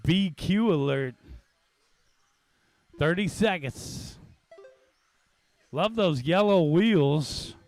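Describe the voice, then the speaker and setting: Guy announcing a race live, kinda high smooth voice, chatty and exclaiming. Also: expressive, drawn-out words, long pauses, darkish tone, dry recording. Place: at a race track event.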